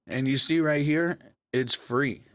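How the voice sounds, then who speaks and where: A man hosting a casual software tutorial, talking viewers through each step in a relaxed, conversational way. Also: medium pitch, a little slow, no room sound. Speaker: tech tutorial host. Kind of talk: screen-recorded software tutorial.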